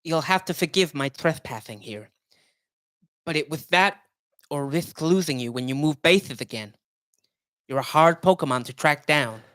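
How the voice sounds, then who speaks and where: A man's voice: fairly high pitch, normal speed, pauses often, no echo, voice pushed up, natural voice. A man doing a lisping young teen girl. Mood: gentle. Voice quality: exaggerated lisp. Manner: gently persuasive. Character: calm, earnest girl of about fourteen. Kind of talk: reading a game epilogue aloud.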